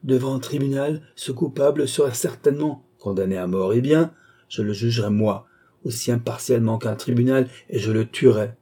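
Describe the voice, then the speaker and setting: A man's voice: medium pitch, moderate pace, warm tone, slightly rough, close to an everyday voice. A man voicing a proud, vengeful young nobleman in a novel reading, speaking with vehement indignation. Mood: indignant. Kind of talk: audiobook character voice.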